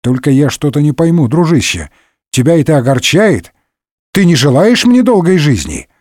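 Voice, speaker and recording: A man's voice: on the high side, sing-song, normal speed, dry recording, studio quality. A man voicing a rude sarcastic Gascon swordsman. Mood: sarcastic, mocking. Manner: brusque, mocking, shouting insults. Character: hot-tempered middle-aged Gascon swordsman, rude and sarcastic. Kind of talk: comic audiobook reading.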